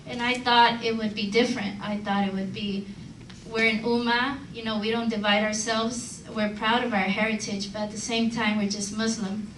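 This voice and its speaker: A woman in her thirties from Los Angeles shares a personal story in an open discussion. She speaks earnestly and often pauses on soft fillers. Her voice sits a little high, caught by a distant microphone in a reverberant hall. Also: little pitch movement. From Los Angeles, United States. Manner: earnest, reflective, many hesitant fillers. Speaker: audience member at a community meeting. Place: large meeting room indoors. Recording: roomy hall, distant mic, faint hiss.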